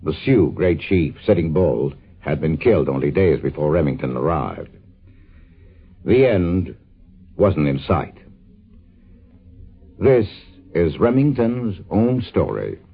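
Deep gravelly man narrating old radio. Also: big pitch swings, slow, pauses often. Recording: muffled, phone-like old radio recording.

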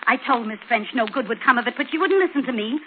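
An actress playing a distraught, bitter housemaid with an urgent, insistent manner in 1940s radio style. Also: female voice, on the high side, fast, close to an everyday voice. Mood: bitter, accusing. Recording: tinny old radio, faint noise.

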